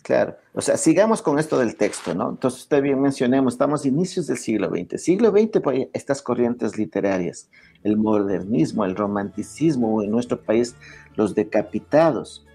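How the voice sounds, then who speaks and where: An Ecuadorian guest with a gravelly, mellow, breathy-edged voice of medium pitch explains music history in an interview. At normal speed and with lively intonation, he lectures, restarts often, and keeps asking "¿ya?".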